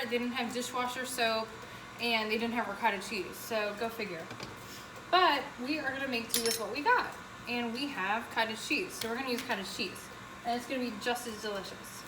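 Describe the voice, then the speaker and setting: Echoey, higher-voiced woman hosting a baking demo. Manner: chatty, informal, emphatic. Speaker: home baking show host. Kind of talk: casual cooking demonstration. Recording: roomy echo, distant mic, noisy background.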